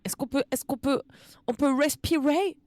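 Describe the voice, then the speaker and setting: A woman's voice: high-pitched, steady tone, normal speed, a little mellow, no echo. A woman with a French accent streaming a game live, tearful, emotional, exclaiming and repeating herself.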